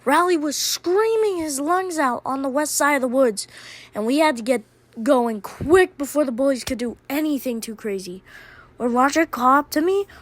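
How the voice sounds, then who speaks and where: A woman telling a first-person diary story in a deadpan, unhurried way. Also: a little high.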